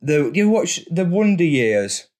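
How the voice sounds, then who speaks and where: A comedian in his thirties guests on a podcast. His voice sits a little high, and he delivers dry, self-mocking jokes. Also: big pitch swings, a little slow, darkish tone. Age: 30s. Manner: dry, joking. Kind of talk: casual chat.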